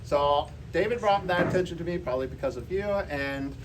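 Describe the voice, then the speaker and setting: Caught by a distant mic in a roomy indoor space with faint background noise, a man presents a geology talk to a live audience. His fairly high voice moves fairly quickly as he explains things in an informal, conversational public lecture.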